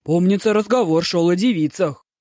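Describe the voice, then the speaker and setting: A narrator voicing a blunt, gruff male court officer. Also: mid-range voice, moderate pace, dark tone, no room sound, clean studio sound, natural voice.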